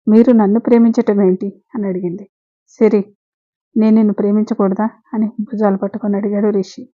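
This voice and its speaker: A woman's voice: mid-range voice, mellow, highs cut off. A woman hosting a storytelling channel, reading a love story aloud and voicing all the characters in her own voice. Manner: reads every character's lines in her own voice. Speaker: storyteller host.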